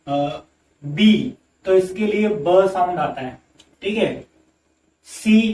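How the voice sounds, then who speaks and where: Male teacher, fairly high voice, echoey room, set back from the mic; patient classroom explainer. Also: darkish tone, far from the mic. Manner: slow, explains step by step, asks and answers his own questions. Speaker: English teacher. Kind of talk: spoken English phonics lesson.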